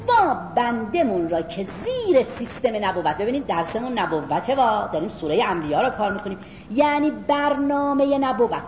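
A woman giving an animated religious lecture as a Quran teacher, reciting Arabic verses and speaking directly to her listeners. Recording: echoey room, dull lo-fi sound, faint rumble.

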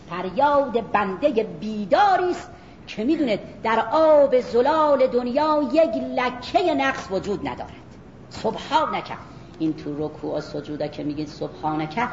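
A woman giving an animated religious lecture as a Quran teacher, reciting Arabic verses and speaking directly to her listeners. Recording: echoey room, dull lo-fi sound, faint rumble.

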